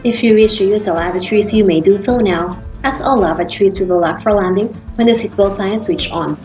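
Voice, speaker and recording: A woman's voice: medium pitch, brisk, darkish tone. A woman with a Filipino accent reading cabin announcements aloud as a flight attendant, in a formal, polite scripted style. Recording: roomy echo, background music. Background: faint to clear music.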